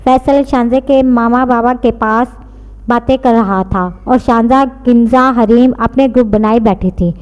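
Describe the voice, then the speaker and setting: Woman narrator reading a novel, steady, higher voice, lots of reverb. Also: a little slow. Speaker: story narrator. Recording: long reverb.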